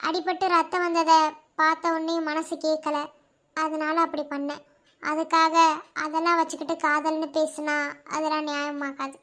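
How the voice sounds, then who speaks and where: A woman doing a tearful young cartoon heroine who keeps pushing her suitor away. Her voice is very high and light, clipped and defensive, with the strain of held-back crying. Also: flat delivery, normal speed, fairly bright tone. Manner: defensive, curt, dismissive. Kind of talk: cartoon love-story voice acting.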